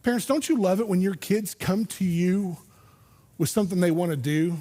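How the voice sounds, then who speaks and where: A man's voice: high-pitched, moderate pace, mellow, big-room sound. A man preaching a sermon as pastor, in a conversational way with self-deprecating humor, often repeating words as he thinks aloud.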